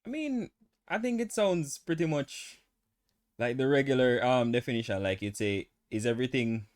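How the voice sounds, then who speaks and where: Young male, middle pitch. Casual contestant, hesitant and questioning. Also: animated, moderate pace. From Jamaica. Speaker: contestant guessing slang. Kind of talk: casual chat.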